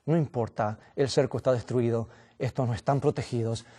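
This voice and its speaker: A man voicing a scheming male devil who gloats in a low, hushed, taunting tone. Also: steady tone, brisk, lightly acted. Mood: menacing.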